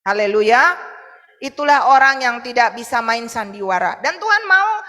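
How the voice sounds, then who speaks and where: A woman pastor preaching a sermon in an animated way, acting out the voices she quotes. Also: a little high, moderate pace, long reverb tail. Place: church hall.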